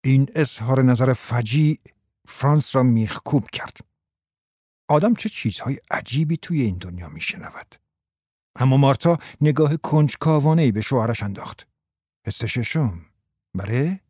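Man narrating in a dark, mellow voice. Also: medium pitch, no echo, clean studio sound. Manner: measured, even storytelling. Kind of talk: scripted narration.

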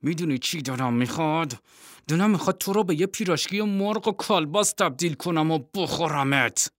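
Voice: medium pitch, dry recording, clean studio sound, pitched above the performer's own voice, natural voice. A storybook reader voicing a ten-year-old girl turned into a furious, sarcastic penguin. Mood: menacing. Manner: furious, sarcastic, splashing and threatening. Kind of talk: storybook reading.

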